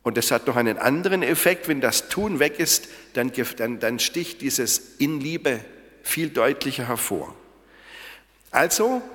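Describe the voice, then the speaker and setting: A man's voice: mid-range voice, a bit bright. A man preaching a sermon on a Bible verse, talking in a conversational way and asking his listeners questions. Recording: long hall reverb.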